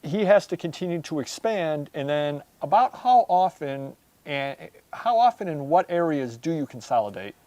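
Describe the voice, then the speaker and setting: Higher-voiced man explaining, close dry sound. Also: big pitch swings, moderate pace, warm tone, no echo. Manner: explanatory, addresses viewers, works through examples. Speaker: host. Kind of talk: conversational explanatory vlog. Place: indoors, large warehouse storage aisle. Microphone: lapel mic.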